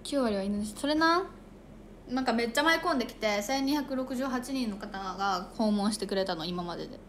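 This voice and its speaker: A woman's voice: fairly high pitch, fairly quick, a bit bright, slight background noise. A young woman chatting casually on a livestream, reading viewer comments aloud. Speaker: idol livestreamer.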